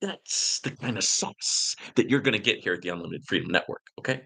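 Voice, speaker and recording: A man runs a live question-and-answer stream, ranting in a preachy, emphatic manner with frequent "right?" and "man." He speaks briskly in a lowish voice that is gravelly, bright, and forceful, with a breathy edge.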